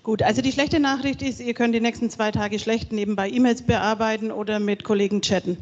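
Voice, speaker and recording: A woman presents a conference program in a relaxed, self-correcting way. Her voice rings with long reverb through a large hall, and the sound is dull and lo-fi. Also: on the high side, brisk. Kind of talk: conference moderation. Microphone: handheld microphone.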